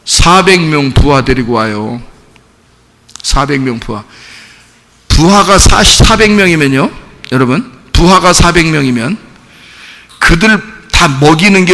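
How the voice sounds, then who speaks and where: A pastor preaching a sermon, telling the story animatedly and asking the congregation questions. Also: male voice, fairly high pitch, animated, unhurried, long pauses, sharp tone. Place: church sanctuary. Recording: echoey church hall.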